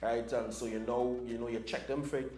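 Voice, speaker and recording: A man's voice: mid-range voice, fairly quick. Brief: male podcast co-host, easygoing explainer, echoey room with faint music. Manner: relaxed, explains with little acted quotes. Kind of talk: casual podcast chat.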